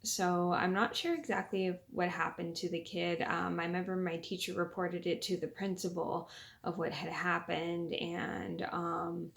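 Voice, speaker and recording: Young woman doing a storytime vlog, talking quiet late at night, lowish creaky voice, kinda halting. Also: flat delivery. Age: young adult. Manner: talking quietly so as not to wake sleeping people at night. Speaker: vlogger.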